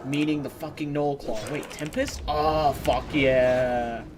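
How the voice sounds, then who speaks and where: Slow and on the high side, a man's voice offers casual commentary over a game stream, with noise in the background. He is of Eastern European descent, relaxed, chatting to viewers as he plays and cursing from time to time.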